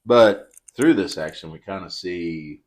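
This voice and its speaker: A man, co-hosting a true-crime podcast and telling the story in a dry, deadpan way. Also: sits low, a little slow. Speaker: podcast co-host.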